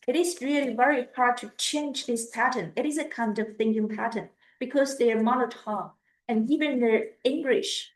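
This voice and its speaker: Woman, lecturer, halting and repetitive, slow, roomy echo. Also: fairly high pitch. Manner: halting, restarts and repeats words. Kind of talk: guest lecture on language teaching.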